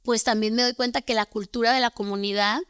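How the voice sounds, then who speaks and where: A young adult woman who works as a teacher appears as a guest, earnestly telling stories in a conversational way, repeating words and often ending points with a questioning "¿no?". Her voice is a little high and fairly even in intonation, brisk, a bit bright, clear and resonant. The recording is clean studio sound with no room sound.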